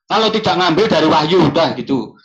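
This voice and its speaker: A man's voice: a little high, expressive, quick pace, a bit bright. A man arguing hard in a heated live debate, insisting and repeating the same taunts. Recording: echoey hall, dull sound.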